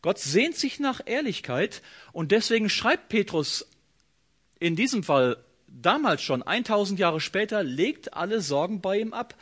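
A man's voice: high voice, a little slow. A man preaching a sermon, speaking straight to the listener and acting out quoted prayers with feeling. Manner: expressive, acts out quoted voices, direct address. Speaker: pastor.

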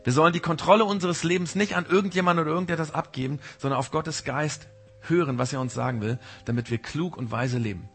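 A man preaching a sermon, speaking directly and informally to the congregation and sometimes acting out a gentle inner voice that warns. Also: fairly high pitch, quick pace, slightly rough. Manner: mimics the Holy Spirit's gentle warning. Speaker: pastor.

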